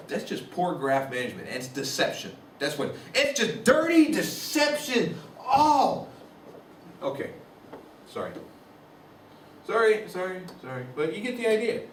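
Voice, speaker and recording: Animated male teacher in an echoey room. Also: sits high, slight background noise. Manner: animated, exclamatory, playful asides. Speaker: high school statistics teacher. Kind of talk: classroom lecture over slides. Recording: echoey room, voice from far off the mic.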